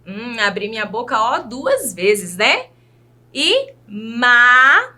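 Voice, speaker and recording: Woman teacher from Brazil, children's lesson; high, lively pitch, very slow, patient delivery. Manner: slow, exaggerated enunciation of words; patient, asks questions to young learners.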